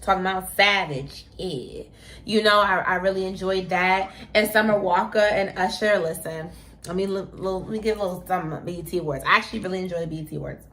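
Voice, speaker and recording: A chatty woman co-hosts a casual show and talks in an effusive, animated way. She speaks straight to her viewers and calls them "y'all". Her pitch sits in the middle of the usual range for women. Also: fast. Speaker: co-host.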